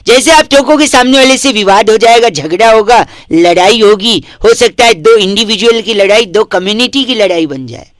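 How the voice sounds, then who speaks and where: A man's voice: sits high, normal speed, few pauses, a bit bright, no room sound, studio quality. A man making a prank phone call, lecturing in a mock-earnest tone with absurd chains of logic. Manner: answers only with hums to provoke. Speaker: prank caller.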